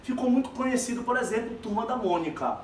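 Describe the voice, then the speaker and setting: High, animated male teacher in an echoey room. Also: fast. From Brazil. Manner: animated, explanatory, addresses students directly. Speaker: Spanish teacher. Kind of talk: classroom lesson mixing Spanish and Portuguese. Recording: echoey room, far from mic, faint background noise.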